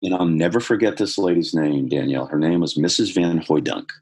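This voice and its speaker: A man's voice: sits low, fairly quick, a little mellow, slightly rough. A man, a podcast guest, earnestly telling a personal story and building energy as he goes.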